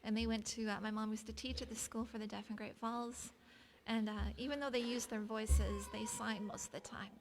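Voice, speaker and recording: In an echoing hall with faint background noise, a woman shares an off-the-cuff memorial tribute. Her fairly high voice has a lot of fry, and she pauses hesitantly as she goes. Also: little pitch movement. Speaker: guest sharing a memory at a memorial. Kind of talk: unprepared personal tribute. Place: large echoey room at a gathering.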